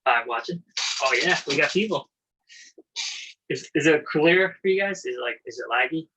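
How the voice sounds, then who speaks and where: A man's voice: on the high side, expressive, normal speed, background noise. A man hosting a casual live stream, chatting and greeting viewers by name. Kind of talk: casual chat.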